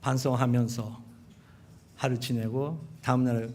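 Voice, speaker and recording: Japanese-accented pastor preaching a sermon. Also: male voice, mid-range voice, unhurried, slight background noise. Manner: animated storytelling, acting out quotes of wife and sons. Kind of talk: sermon with acted family stories.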